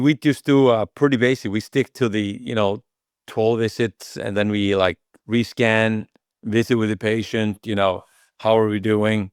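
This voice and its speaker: This guest is an Icelandic-accented chiropractic clinic owner who answers questions in a loose, rambling manner, often slipping into quoted remarks. He has a fairly low pitch and a clean tone. Recorded at studio quality, the clip has no echo.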